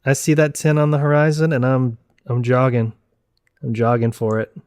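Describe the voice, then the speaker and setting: Playful podcast co-host, dry close sound. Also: male voice, mid-range voice, darkish tone, clear, resonant tone, dry recording. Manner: playful, quick to laugh. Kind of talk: casual chat.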